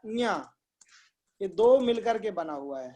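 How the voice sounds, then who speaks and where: High-voiced patient male teacher. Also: darkish tone. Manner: patient, repeats sounds slowly and checks understanding. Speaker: Sanskrit teacher. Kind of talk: online pronunciation lesson.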